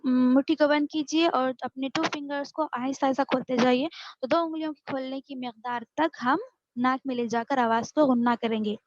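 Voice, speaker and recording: A woman teaching a Quran reading class online, slowly spelling out sounds syllable by syllable and often checking that her students follow. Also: high-pitched, steady tone, no room sound. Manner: patient, drawn-out syllable-by-syllable spelling, frequent checking questions. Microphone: video call. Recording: dull, lo-fi video call audio.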